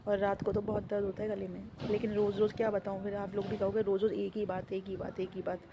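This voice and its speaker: A young woman with a sore throat, talking slowly and softly in a casual home vlog from a sunny rooftop. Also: mid-range voice, flat delivery, lo-fi sound, noisy background. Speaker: vlogger.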